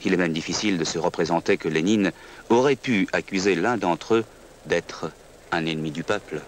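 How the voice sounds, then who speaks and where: A man with a deep, low voice narrates a historical documentary. His delivery is measured and solemn, and clear noise runs through the soundtrack, like an archival film.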